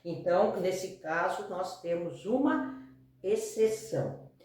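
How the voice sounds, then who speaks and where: A woman's voice: on the low side, lively intonation, takes it slowly, darkish tone. A woman teacher explaining a grammar rule to her class, repeating each point and checking in with short questions. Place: classroom with a whiteboard. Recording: very echoey room.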